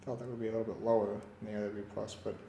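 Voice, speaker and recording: A vintage radio repair hobbyist talks very fast in a fairly low, dark voice with little pitch movement. Working at a cluttered indoor workbench, he demonstrates casually and hands-on, thinking aloud tentatively. The room sounds echoey, with faint background noise.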